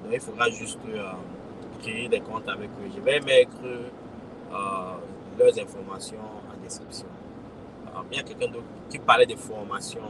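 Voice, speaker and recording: A Cameroonian man in his forties, a crypto consultant and community host, chats casually with his followers on a livestream in a Cameroonian French accent. His voice sits fairly low with fairly even intonation and a measured pace, and the background is noisy. He repeats himself a lot, calls his audience "les gars", and keeps checking in with "ok?".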